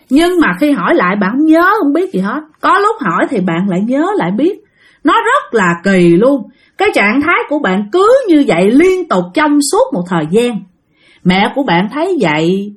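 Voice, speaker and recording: Chatty woman storyteller. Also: on the high side. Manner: chatty, repeats words for effect. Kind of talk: spoken ghost story narration.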